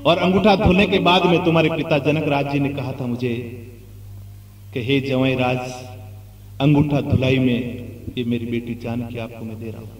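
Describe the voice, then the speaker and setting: A male preacher voicing Lord Ram as a calm, fond divine prince in a low, measured tone. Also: slight background noise, close to an everyday voice. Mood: amused. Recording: echoey hall, distant mic, music.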